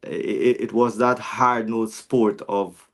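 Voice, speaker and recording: This Guyanese guest, in his forties, speaks slowly in a lowish voice with flat delivery. Chatting casually on a podcast, he reflects aloud, often restarting and using fillers.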